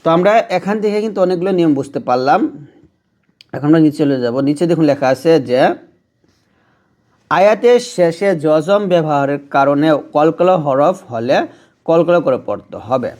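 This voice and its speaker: A man with a Bangladeshi Bengali accent teaching Quran recitation rules step by step. He explains each rule, then chants the verse slowly and drawn out. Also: on the high side, a little mellow.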